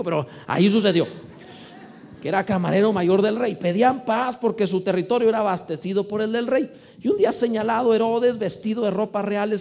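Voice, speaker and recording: A man preaching a sermon as pastor, animated, swinging from shouts to quiet asides and often repeating words as he restarts. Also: sits high.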